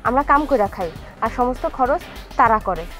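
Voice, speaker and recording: A young wife with a colloquial Bangladeshi Bengali accent, complaining and coaxing in a high voice. Soft music runs behind her. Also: lively intonation, a little fast. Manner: complaining, then placating. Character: young wife urging her husband to calm down. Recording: with faint background music.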